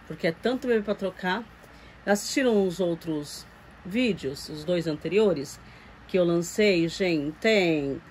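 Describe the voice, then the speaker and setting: The recording is poor, with a little hiss or hum, but her medium-pitched voice comes through slightly mellow. She's a vlogger who collects reborn dolls, speaking with a Brazilian Portuguese accent as she chats with viewers at home among doll shelves and coos lovingly at a doll.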